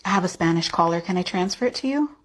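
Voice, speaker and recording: A woman's voice: lowish voice, lively intonation, fast. A woman playing a hesitant office manager who asks favors in a workplace comedy skit, speaking politely and tentatively. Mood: pleading.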